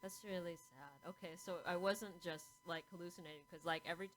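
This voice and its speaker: A woman's voice: lowish voice, steady tone, a little fast, a little hiss or hum, low-quality recording. A woman co-hosting a podcast in casual chat, rambling and scattered, often losing her words. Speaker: podcast co-host.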